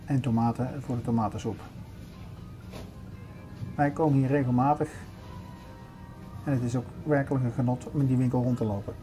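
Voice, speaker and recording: A man's voice: mid-range voice, steady tone, moderate pace, long pauses, dark tone, soft background music. An older man giving a chatty narration of a walk through a large supermarket, pointing things out as he goes. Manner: chatty, showing things around as he walks. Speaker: vlogger. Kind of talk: casual shopping vlog narration.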